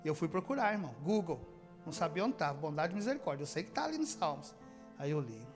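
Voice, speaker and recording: A man from preaching a sermon as pastor, calling out to the congregation and swinging from shouting to near-whispering. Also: fairly high pitch, big pitch swings, quick pace, soft background music. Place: church service.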